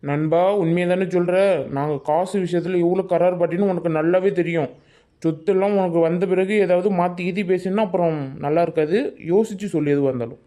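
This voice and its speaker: A man's voice: high voice, fairly even intonation, fairly quick, warm tone, natural voice. A man voicing a greedy, cautious middle-aged village tough in a cartoon, talking bluntly. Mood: wary. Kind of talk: Tamil cartoon voice acting.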